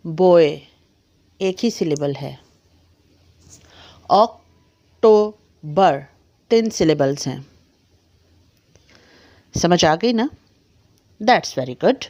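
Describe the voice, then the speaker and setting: A woman's voice: on the low side, animated, drawn-out words, pauses often, a little mellow. A woman teaching an English grammar lesson, explaining patiently, spelling words out letter by letter and checking that her listeners follow. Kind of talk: recorded online grammar lesson.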